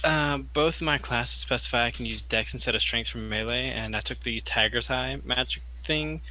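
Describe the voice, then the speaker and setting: A man with a very bright, tense voice of medium pitch talks casually as a player in a tabletop game. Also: moderate pace, rough recording.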